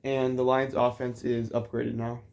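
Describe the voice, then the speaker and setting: A man casually ranking football players, hesitant and pausing often with ums. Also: mid-range voice, monotone, creaky, a little mellow. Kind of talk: casual chat.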